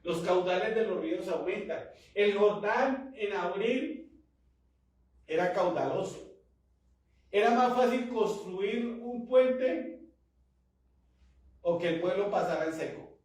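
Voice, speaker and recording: A high-voiced man with a Colombian Spanish accent delivers a fervent sermon, pushing his points and drawing answers from the congregation. His voice rings through a big, echoey hall, picked up from well back off the mic. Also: slow, long pauses, a little mellow, recorded from a distance. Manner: preaching with rising fervor and call-and-response. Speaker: pastor.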